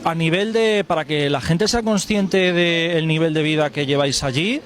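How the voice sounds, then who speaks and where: A man's voice: a little high, moderate pace. A man interviewing a passer-by outdoors in a city, asking direct, probing questions. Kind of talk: street interview.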